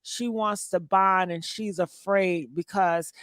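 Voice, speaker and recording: A woman's voice: on the low side, fairly even intonation, slow, a bit bright, no echo, clean studio sound. A woman hosting a live call-in show, teasing the caller in a playful, slangy way. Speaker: radio host.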